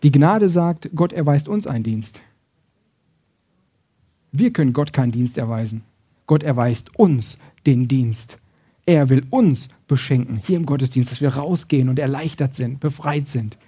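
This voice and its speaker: A man preaching a sermon, switching between loud emphasis and soft, intimate passages, acting out quoted voices and often adding "ne?". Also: medium pitch, unhurried, slightly rough. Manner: acts out quoted voices, uses tag question "ne?".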